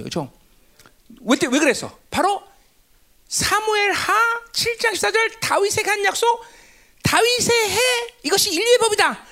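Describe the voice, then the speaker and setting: A woman giving a sermon-style Bible lecture. She keeps asking her listeners rhetorical questions and answers them herself, with emphatic bursts and sudden low, hushed asides. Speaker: Bible teacher.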